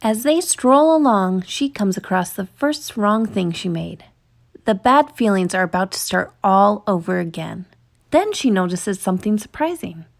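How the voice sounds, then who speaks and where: A woman reading a children's picture book aloud in an expressive, deliberate storytelling manner, stretching words for emphasis. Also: mid-range voice, vocal fry. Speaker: storytime reader.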